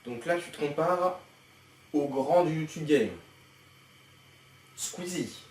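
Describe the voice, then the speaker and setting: A man's voice: fairly high pitch, darkish tone. A young man mocks another creator's video in teasing, sarcastic commentary. He sits a little away from the mic, so his voice carries a noticeable room echo. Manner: sarcastic, teasing, quick asides. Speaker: reaction youtuber. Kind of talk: mocking reaction commentary. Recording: echoey room, distant from the mic.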